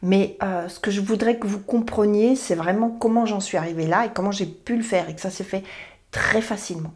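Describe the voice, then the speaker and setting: A woman near sixty speaks to camera about her own path as a therapist. She talks earnestly and rambles, circling back and correcting herself mid-sentence. Her voice sits at an ordinary middle pitch for a woman. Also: fairly quick, darkish tone. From Belgium. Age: 50s. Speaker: emotional therapy practitioner. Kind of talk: personal talk to camera.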